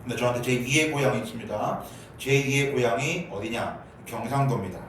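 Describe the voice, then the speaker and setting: A man's voice: mid-range voice, brisk, a bit bright, slight background noise. A pastor in his fifties from Seoul, preaching a humorous, chatty sermon and mixing in a Gyeongsang dialect. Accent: Gyeongsang dialect mixed with Seoul speech. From Seoul, South Korea. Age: 50s. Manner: humorous, chatty, joking with the congregation. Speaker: guest pastor. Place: church sanctuary. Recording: very echoey church, from far off.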